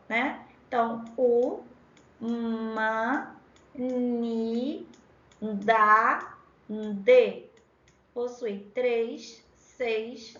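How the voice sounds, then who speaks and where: Rio-accented woman teacher, fairly high voice, drawing out syllables in an echoey lo-fi room. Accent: Rio de Janeiro Portuguese. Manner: spells out words sound by sound, drawn-out syllables. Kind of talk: exam-prep lesson.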